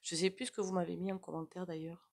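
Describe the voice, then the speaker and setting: A woman's voice: lowish voice, flat delivery, quick pace, creaky, a little mellow. A woman with a regional French accent giving a casual, rambling tarot reading to her viewers, with frequent "hein" asides. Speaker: tarot reader.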